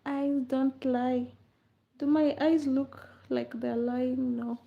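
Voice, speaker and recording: Playful woman on a livestream, laughs a lot, talks slow, kinda muffled audio. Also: sits high, fairly even intonation, vocal fry. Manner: playful and teasing, laughs often. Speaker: livestream host. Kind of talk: casual live chat answering comments.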